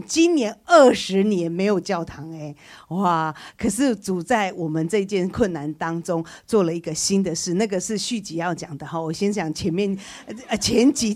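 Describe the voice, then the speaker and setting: Lively woman telling a testimony. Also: lowish voice. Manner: lively storyteller who acts out each voice in the dialogue; many fillers and restarts, laughs while talking. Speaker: church member giving a testimony. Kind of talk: personal faith testimony told as a story.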